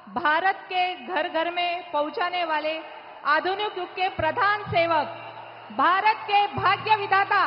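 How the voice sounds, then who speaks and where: A woman with a Marathi accent making a formal, declamatory stage announcement as a rally emcee. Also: extremely high pitch. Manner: declamatory, strings of honorifics. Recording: dull PA with long reverb.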